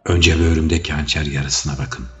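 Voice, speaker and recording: A man's voice: very deep voice, fairly even intonation, brisk, long reverb tail. A man voicing a wounded, battle-hardened barbarian king who speaks in terse growls. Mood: commanding. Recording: dull audio with faint music.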